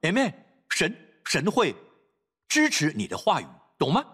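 Man, pastor, sermon, high husky voice, very animated pitch, loud urging then low quiet asides. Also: a little slow. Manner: preaching with sharp swings between loud exhortation and low quiet asides.

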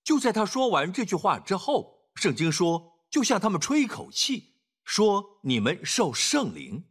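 A man preaching a sermon emphatically, often pausing on filler sounds and dropping in "Amen.". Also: high voice, very animated.

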